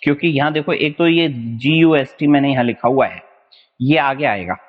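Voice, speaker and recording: A young man giving an exam-prep vocabulary lesson at a whiteboard, talking in a loose, joking way with a habit of repeating the same tag phrase. His voice sits at a middle pitch. It rings with a long, hollow echo and comes through a dull, lo-fi recording. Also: moderate pace. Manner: casual, repeats "right na" often, jokey memory tricks. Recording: dull, echoey lo-fi classroom recording.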